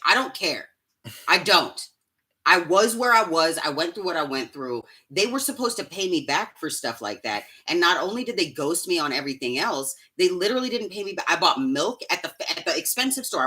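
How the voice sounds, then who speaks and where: Heated, animated woman ranting on a live stream. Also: lowish voice, fairly quick. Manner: profane and heated, swings between muttering and yelling. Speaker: podcast host. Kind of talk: angry live-stream rant.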